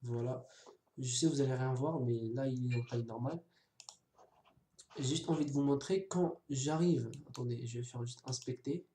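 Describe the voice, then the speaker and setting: A man's voice: mid-range voice, moderate pace, dark tone, slight background noise. A man giving a casual coding tutorial, hesitant, with many fillers and restarts, now and then joking about himself. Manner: jokes self-mockingly. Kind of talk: screen-recorded coding tutorial. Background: keyboard typing and mouse clicks.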